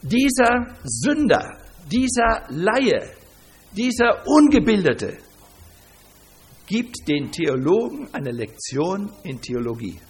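A man's voice: high voice, sing-song, slow pace, slightly rough. A man preaching a sermon, retelling a scripture story in an emphatic way and asking rhetorical questions.

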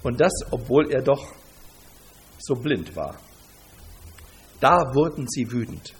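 A man's voice: mid-range voice, very animated, slow, breathy edge. A man preaching a sermon, retelling a scripture story in an emphatic way and asking rhetorical questions.

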